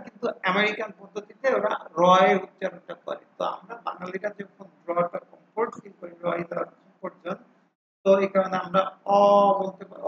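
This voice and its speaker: A man's voice: sits high, slight background noise. A man teaching phonics, explaining each vowel and repeating the sounds over and over for drill, with English terms mixed in. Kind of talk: explaining a lesson. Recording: echoey room, dull lo-fi sound.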